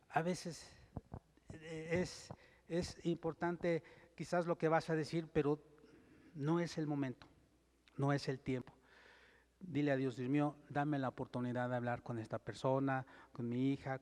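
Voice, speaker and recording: A male pastor preaching a sermon, teaching point by point in a measured way and reading scripture aloud. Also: on the high side, darkish tone. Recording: long hall reverb.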